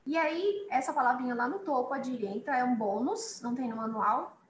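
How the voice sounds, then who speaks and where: A woman teaching a beginners' online English lesson, chatty, repeating each word slowly for her students. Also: sits high, echoey room, a little hiss or hum, poor audio.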